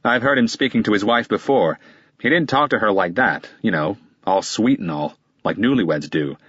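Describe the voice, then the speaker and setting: A man's voice: fairly low pitch, lively intonation, moderate pace, a bit bright, husky, no room sound, highs cut off, voice pushed up. A man voicing a guarded middle-aged male lawyer who answers in a clipped, impatient way. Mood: defensive.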